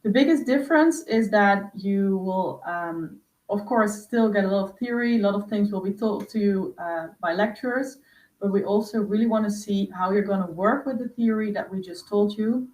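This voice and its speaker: A woman's voice: mid-range voice, moderate pace, darkish tone, recorded from a distance. A woman hosts an online webinar, walking listeners through information at an easy explanatory pace with plenty of "uh"s and "um"s. Her voice sits in a middle register and comes through a video call from a little away from the mic. The sound is roomy with a faint hiss behind it. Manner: explanatory, many fillers. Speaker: host. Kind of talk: webinar presentation.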